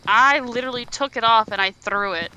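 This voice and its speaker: A player in a co-op game who talks bluntly, tells the others what to do and swears freely. The voice sits at a middle pitch and comes over a headset. Noticeable noise runs under the voice-chat audio. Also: a little fast, bright, forceful tone, highs cut off. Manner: blunt and bossy, swears often. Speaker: teammate in a co-op ghost-hunting game. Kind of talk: casual gaming chat.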